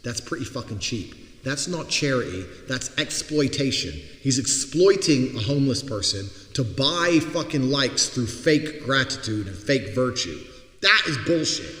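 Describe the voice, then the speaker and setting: A man's voice: medium pitch, lively intonation, unhurried, fairly bright tone. A man delivering a blunt, profane opinion monologue, mocking people and swearing freely. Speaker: commentator. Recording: roomy hall with long reverb.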